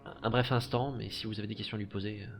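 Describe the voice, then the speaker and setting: A man's voice: on the low side, fairly even intonation, racing, gravelly. A man playing a deferential servant in a tabletop game, polite and hesitant in his speech. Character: deferential male servant guiding visitors through rich district. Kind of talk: tabletop role-play.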